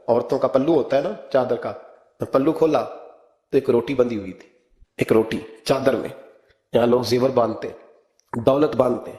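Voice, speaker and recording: A man's voice: medium pitch, mellow, echoey room. A man delivering an impassioned sermon as a cleric, telling stories and acting out quoted speech. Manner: impassioned, rising into emphatic rhetorical questions; storytelling, acts out quoted speech. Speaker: Islamic cleric.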